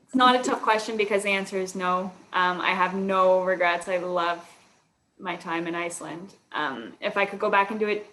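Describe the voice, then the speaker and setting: A woman's voice: lowish voice, moderate pace, sharp tone. A woman answering questions as an alumna guest in a webinar, explaining at length with frequent fillers over a video call.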